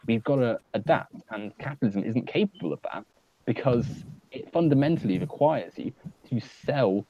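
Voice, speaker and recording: A man's voice: medium pitch, animated, normal speed, background noise. A man in a casual online hangout, talking earnestly and at length with many fillers. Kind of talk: casual political discussion. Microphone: home computer mic on a video call. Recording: dull lo-fi audio.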